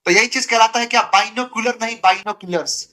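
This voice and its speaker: Bright, high-voiced male grammar teacher. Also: a little fast. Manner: asks rhetorical questions and answers them himself; emphatic, repetitive corrections. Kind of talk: classroom lecture.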